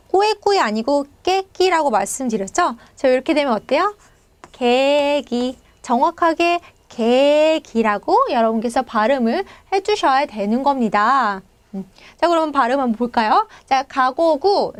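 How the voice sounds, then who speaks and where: A woman teaching a Spanish pronunciation lesson, explaining patiently and saying each example word slowly twice. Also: high-pitched, no room sound.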